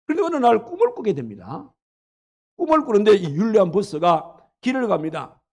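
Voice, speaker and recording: A middle-aged male pastor preaching a sermon, telling a story dramatically and acting out the dialogue with sudden loud outbursts. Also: high voice, very animated, brisk.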